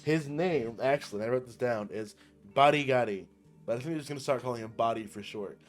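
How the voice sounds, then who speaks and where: An excitable young man recaps an episode in loose, slangy chat, laughing often. His voice sits at a middle pitch. Faint music plays beneath him. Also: fairly quick. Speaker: anime reviewer. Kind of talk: casual recap commentary.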